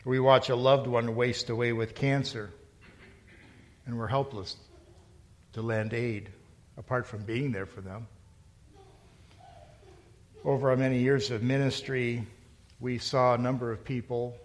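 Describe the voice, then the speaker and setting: A middle-aged male pastor preaching a sermon in a conversational storytelling way, rising to emphatic points. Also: medium pitch. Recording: long hall reverb.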